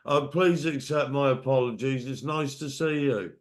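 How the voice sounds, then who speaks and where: A man's voice: medium pitch, moderate pace. A British man hosting a group call, informal and friendly with hesitant restarts. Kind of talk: casual group call chat.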